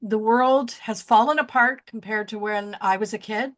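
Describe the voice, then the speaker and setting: A podcast co-host in her sixties chats loosely and rambles, regularly losing her thread and joking at her own expense. Her fairly high voice is steady and somewhat bright, moving at normal speed.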